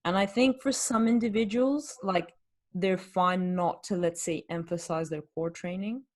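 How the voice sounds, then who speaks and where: A woman's voice: fairly low pitch, measured pace, a little mellow. A woman, a fitness coach hosting a podcast, chatting candidly and explaining things with rhetorical questions. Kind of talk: casual podcast chat.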